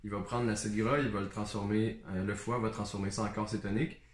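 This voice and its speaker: Fast-talking Québécois man. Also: lowish voice, flat delivery, reverberant. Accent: Québécois French. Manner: explains in detail with self-mocking jokes. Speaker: nutritionist co-host. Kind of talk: casual chat.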